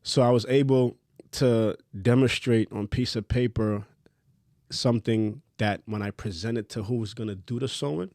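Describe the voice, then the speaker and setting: A man in his thirties from Trinidad, a fashion designer telling his story in a relaxed, candid, slangy podcast chat. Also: mid-range voice, moderate pace, no room sound, studio quality. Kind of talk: casual interview chat.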